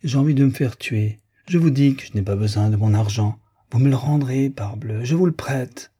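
A man's voice: medium pitch, normal speed, mellow, slightly rough, close to an everyday voice. A man voicing a distraught, earnest young male idealist who pleads in a plaintive, doleful way. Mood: despairing.

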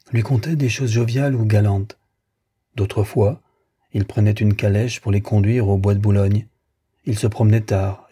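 A man reading a classic novel aloud as an audiobook narrator, in a measured, even manner. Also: on the low side, husky. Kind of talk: scripted literary narration.

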